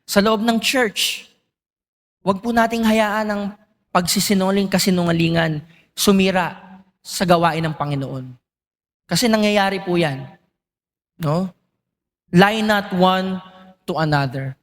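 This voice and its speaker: A man's voice: sits high, fairly even intonation, a little slow, long pauses, long reverb tail. A male preacher giving a sermon in church, often asking the congregation questions. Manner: engaging, asks the congregation questions.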